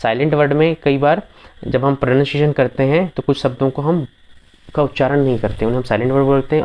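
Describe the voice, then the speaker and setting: A man's voice: mid-range voice, a little mellow. Male tutor, patient video lesson. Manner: patient, repeats words and checks understanding with students. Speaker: English teacher. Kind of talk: video lesson explaining word pronunciation.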